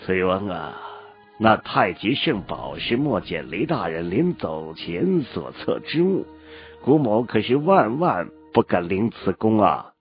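A man's voice: on the low side, sing-song, measured pace. A man voicing a thoughtful, self-effacing old man with narrow eyes and green hair. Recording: lo-fi with faint music.

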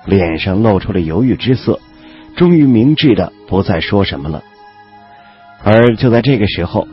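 A man giving an expressive scripted audiobook narration of a fantasy novel. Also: lo-fi sound. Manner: expressive storytelling with lively pitch.

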